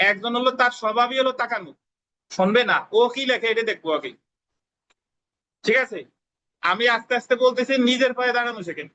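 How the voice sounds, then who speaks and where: A man's voice: high voice, sharp tone, low-quality recording. A man giving a classroom law lecture, repeating key points, asking students whether they understand, and dictating spellings letter by letter. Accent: Bangladeshi Bengali. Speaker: law tutor.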